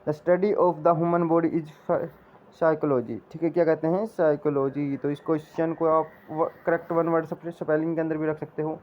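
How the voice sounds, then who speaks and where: A man teaching vocabulary for exam prep. He drills each answer by repeating it and reads the definitions slowly. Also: on the high side, little pitch movement. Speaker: English teacher. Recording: slightly dull lo-fi audio with faint noise.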